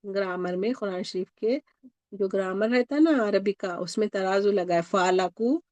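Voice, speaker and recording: A woman's voice: mid-range voice, a little mellow, no echo. A woman teacher giving a grammar lesson with a Pakistani Urdu accent, going over each point patiently and often stopping to check that students follow. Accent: Urdu-speaking Pakistani.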